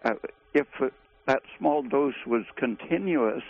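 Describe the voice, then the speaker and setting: A man speaking as a guest expert on a call-in radio show, halting, with frequent pauses. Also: mid-range voice. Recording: tinny phone line.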